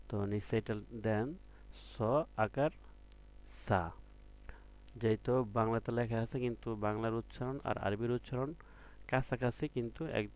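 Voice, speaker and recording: Patient male Quran teacher, low voice. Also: a little mellow. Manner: patient, drills with repeated questions to students; drawn-out letter sounds when demonstrating. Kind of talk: online class teaching Arabic letters.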